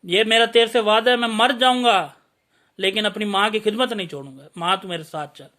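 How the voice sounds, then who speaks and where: A man's voice: high-pitched, fairly quick, sharp tone. A man voicing a grown son who tearfully and repeatedly begs his mother's forgiveness. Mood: earnest.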